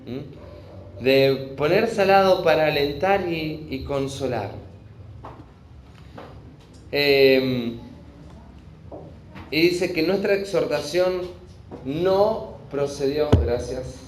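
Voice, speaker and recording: Man preaching a sermon real slow, high voice, echoey room w faint hum. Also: darkish tone. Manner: slow, earnest, checks in with "¿Mm?". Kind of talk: sermon, verse-by-verse Bible teaching.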